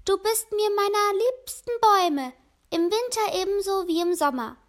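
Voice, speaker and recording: A woman doing a squeaky excited squirrel. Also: moderate pace. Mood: fond. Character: excited little squirrel mother.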